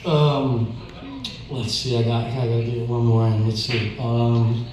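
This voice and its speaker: A man's voice: medium pitch, little pitch movement, measured pace, darkish tone, a little hiss or hum. A man doing amateur stand-up at an open mic, casual, profane and slangy, with hesitant, stammered repeats. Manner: hesitant, with stammered repeats and filler-laden stalling. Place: indoor open mic venue. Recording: very echoey room, distant mic.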